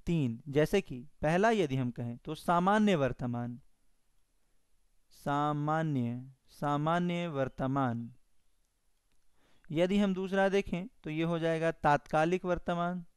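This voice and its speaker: A man with a Bihari Hindi accent teaches grammar in an online exam-prep class. His voice sits a little high and comes through very crisp and dry, close to the mic. He dictates definitions slowly, repeating each phrase so students can write along. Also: no room sound. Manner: slow, repetitive dictation of definitions.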